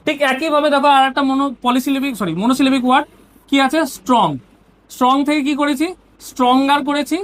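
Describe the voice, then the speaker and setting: Speaking quickly in a high voice with little pitch movement, a Bengali-accented woman teacher lays out grammar step by step. She checks often that her students are following, asking "ঠিক আছে?".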